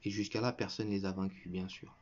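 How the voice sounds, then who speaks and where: An online religious commentator with a fairly low, slightly mellow voice rants heatedly at an opponent in a combative reaction monologue for viewers, scolding and mocking by turns. Lecturing and scornful, he speaks a little fast in a steady tone, calls the listener "tu," and bursts into derisive laughter. The audio is muffled, lo-fi and dull, with slight background noise.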